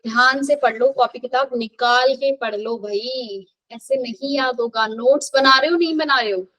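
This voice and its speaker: Brief: high-pitched woman, brisk classroom chemistry teacher, quizzing and counting aloud. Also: pushed and bright, poor audio. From India. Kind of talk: live classroom revision lesson.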